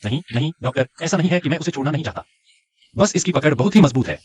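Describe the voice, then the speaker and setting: A man's voice: fairly high pitch, animated, fast talker, slightly rough. A man voicing a flustered, exasperated young male lead in a dubbed drama.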